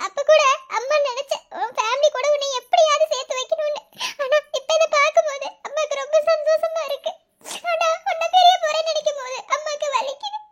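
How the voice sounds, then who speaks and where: A woman voicing a tender, grieving foster mother in a cartoon, with a Madurai Tamil accent, speaking softly and tearfully, laughing through her sorrow. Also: very high-pitched, steady tone, fairly quick. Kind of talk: cartoon voice acting.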